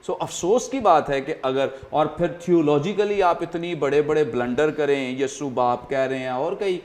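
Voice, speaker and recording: A man's voice: fairly high pitch, darkish tone. A man hosting a studio talk show, explaining earnestly and often using fillers. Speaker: host.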